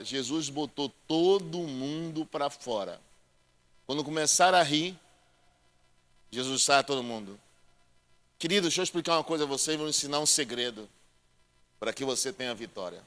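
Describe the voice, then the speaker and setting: A male pastor preaching a sermon, joking with the congregation and calling them brother, swinging between loud proclaiming and quiet asides. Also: fairly high pitch. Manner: addresses listeners as brother.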